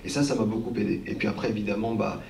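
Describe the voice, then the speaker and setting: A man in his thirties talks reflectively on a live discussion panel, his fairly low voice hesitant with fillers and restarts. He sounds distant from the mic, and the large room rings around him with a faint murmur behind. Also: fairly even intonation, very fast, gravelly, a little mellow, a little hiss or hum. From France. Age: 30s. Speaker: panel guest, record collector and documentary maker. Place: hall with an audience. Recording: roomy hall from a distant mic.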